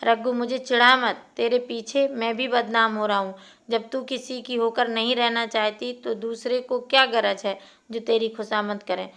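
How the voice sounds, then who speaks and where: A woman's voice: on the high side, level tone, normal speed, fairly bright tone. Woman reading as Raghu, a sulky young village man. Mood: bitter. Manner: curt, bitter replies.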